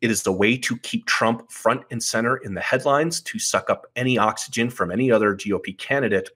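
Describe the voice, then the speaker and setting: Bright-voiced sardonic man arguing points. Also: medium pitch, fairly quick, husky. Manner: argumentative, lays out points one by one, sardonic. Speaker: podcast guest, political commentator. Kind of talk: casual podcast conversation.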